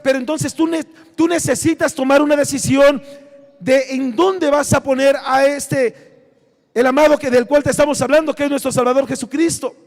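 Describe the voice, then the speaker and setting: A man's voice: extremely high pitch, vocal fry. A man with a Mexican accent preaching a passionate sermon as pastor, acting out prayers and biblical figures. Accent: Mexican Spanish. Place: church. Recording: long reverb from a church hall.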